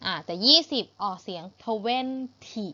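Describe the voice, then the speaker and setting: A woman with a Thai accent teaching English to young pupils, patient and repeating each word slowly for pronunciation. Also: fairly high pitch, pushed and bright, highs cut off. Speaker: primary school English teacher. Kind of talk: online English lesson for children.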